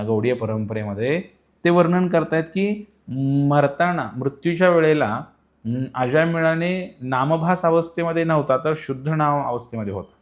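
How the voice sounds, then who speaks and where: A man giving a devotional sermon in a storytelling style. He explains patiently and rises in pitch and volume for emphasis. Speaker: devotional preacher.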